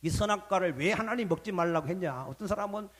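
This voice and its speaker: A pastor preaching to his congregation in a high, bright voice that rises and falls a great deal. He asks questions and calls for amens, then lets his phrase endings sink almost to a murmur. The delivery swings between loud and quiet. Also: expressive, fast talker. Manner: call-and-response preaching, asking the congregation questions; dramatic swings in loudness, dropping low at phrase ends. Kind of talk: sermon.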